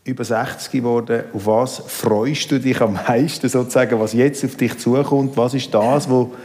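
A man in his fifties with a Swiss German accent, moderating a talk on stage in a large hall with a chatty, lively manner. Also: medium pitch, normal speed. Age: 50s. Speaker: host. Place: large hall with live audience.

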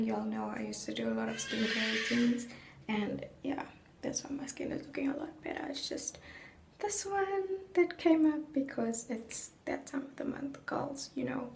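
A young woman with a croaky morning voice, chatting casually in a get-ready-with-me vlog and often dropping to a near-whisper. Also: a little high, slight background noise. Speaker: beauty vlogger.

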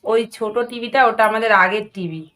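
A woman's voice: medium pitch, a little fast, a bit bright. A woman vlogging her daily routine as a home tutor, chatting casually and directly with her viewers.

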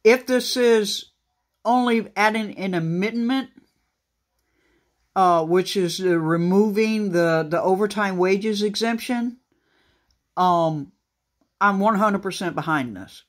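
A man, a truck driver, talking casually and haltingly to his viewers, with many fillers and restarts. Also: high voice. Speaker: trucker vlogger. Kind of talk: casual talk to camera. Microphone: phone camera pointed at a laptop screen.

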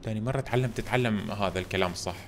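A young man giving excitable gameplay commentary, animated and quick to burst into loud exclamations and English slang. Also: lowish voice. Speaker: gamer streamer. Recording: music playing under the voice.

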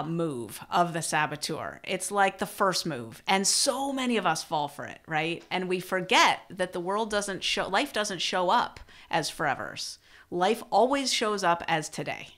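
A woman's voice: on the low side, fairly bright tone. A woman from San Francisco, a podcast guest talking in an earnest, reflective way, peppered with "like" and "right?". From San Francisco, USA. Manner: earnest, reflective, filler-heavy with frequent "like" and "right?". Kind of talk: casual podcast conversation.

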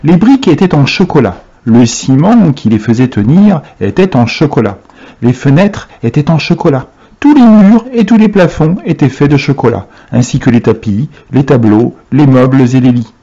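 A man reads a children's novel aloud with expressive storytelling. His pitch moves lively, and his tone is mellow and dark. The recording sounds dull and muffled. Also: normal speed, slightly rough. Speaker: reader for a class.

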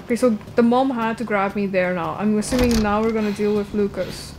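Excitable swearing young woman gamer. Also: mid-range voice, a little fast, noisy background. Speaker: gamer streamer. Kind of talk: casual game commentary.

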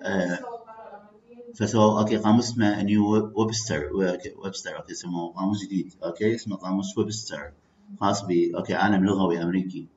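A man with an Iraqi accent teaching English vocabulary, switching between English and Arabic, repeating words slowly and checking in with "okay" and "clear". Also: low-pitched, steady tone, darkish tone. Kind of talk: bilingual classroom lecture. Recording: echoey muffled classroom recording.

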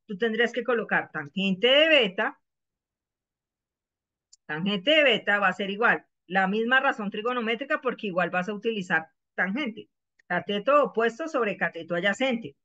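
A woman's voice: mid-range voice, lively intonation, moderate pace, sharp tone, muffled recording. A woman teaching math in an online class, patiently explaining and asking her students questions over and over.

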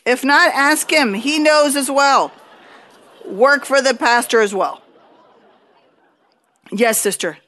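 An older woman leading a Bible study in a church hall, preaching slowly and earnestly into a handheld mic. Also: sits high, fairly bright tone, a faint crowd. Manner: slow, earnest preaching with pauses. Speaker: church leader.

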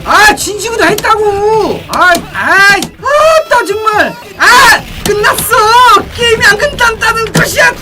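A man live-streaming gameplay and cooking, yelling, swearing and firing off rapid repeated exclamations. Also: very high-pitched. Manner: frequent excited yelling and swearing.

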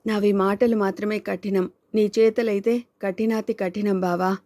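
A woman's voice: medium pitch, little pitch movement, moderate pace, warm tone, no room sound, close to an everyday voice. A woman voicing a caring, outspoken young woman who speaks in a pleading, reproachful way.

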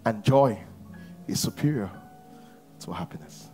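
A pastor in his thirties with a Nigerian English accent, preaching a sermon on a large church stage and swinging from shouts to near whispers. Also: fairly low pitch, expressive, measured pace, faint music behind.

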